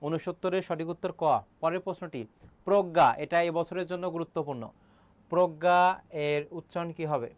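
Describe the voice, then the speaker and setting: A middle-aged man with a Bangladeshi Bengali accent, a senior teacher running an online admission-prep class. He explains step by step, often quizzes his students and keeps clearing his throat. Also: on the high side, steady tone, a little fast, no room sound, dull audio.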